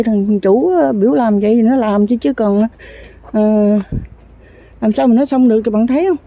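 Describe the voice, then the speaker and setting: On a walk around an outdoor construction site, a woman rambles chattily into a handheld phone, using many fillers. Her voice sits on the high side, and the phone-quality audio carries slight background noise.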